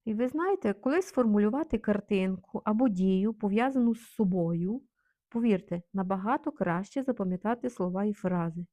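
Calm woman teaching vocabulary. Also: mid-range voice. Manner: calm, measured, repeats phrases slowly. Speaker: language teacher. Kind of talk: explaining vocabulary with examples.

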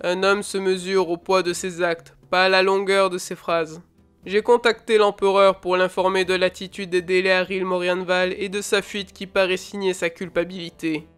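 A woman reads aloud as a stern bearded lord, his voice dropped well below her own and pushed out firmly. He talks slowly and gravely, with a smooth, clear tone over faint music. He is a proud father of a storybook realm. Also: fairly low pitch, little pitch movement, pitched below the performer's own voice, natural voice.

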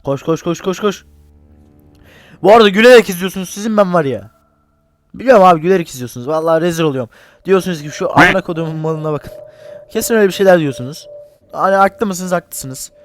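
A man's voice: high voice, fast talker, long pauses, soft background music. A young man giving casual, unedited commentary on a horror game. He talks jokily, swears and yelps whenever something frightens him. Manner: jumpy, swears and yelps when scared, joking. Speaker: gaming channel host. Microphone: desk mic, separate from game audio.

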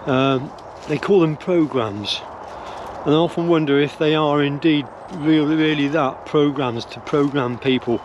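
Walking his dogs along a woodland path, an older vlogger from England talks through his opinions, stumbling, restarting and using plenty of fillers. His voice is a touch high for a man and unhurried. The close, arm's-length phone or camera recording sounds muffled, with wind and far-off traffic clearly heard.

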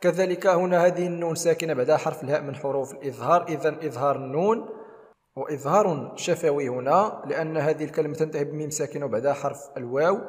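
A man's voice: fairly high pitch, rapid-fire, big-room sound. A man teaching Quran recitation rules, explaining each rule methodically step by step. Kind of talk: tajweed lesson with demonstrations.

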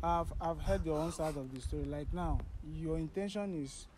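A man playing a calm mediator who keeps reassuring both sides. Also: fairly high pitch, moderate pace, heavy background noise, natural voice. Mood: soothing. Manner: calm, soothing, repeats "don't worry". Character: calming adult male mediator. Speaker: mediator in a comedy skit.

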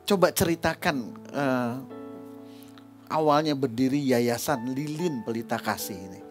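A man's voice: medium pitch, unhurried. A man hosting a talk show, encouraging his guests and asking follow-up questions. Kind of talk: interviewing guests. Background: faint music.

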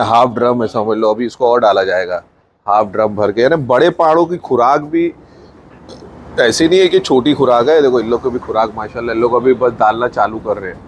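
Man with a Mumbai Hindi accent, farm owner doing casual phone-camera vlog narration outdoors, chatty, faint noise behind. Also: medium pitch. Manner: chatty, points things out, mixes in English words. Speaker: farm owner filming his buffalo feeding.

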